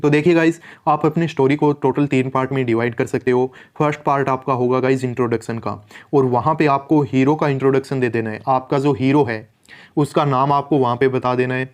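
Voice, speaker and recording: A man coaching exam candidates, talking in a relaxed, conversational way. He drops English terms into his explanations and slows down to read out the rules. His pitch sits in a middle range. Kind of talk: instructional explainer.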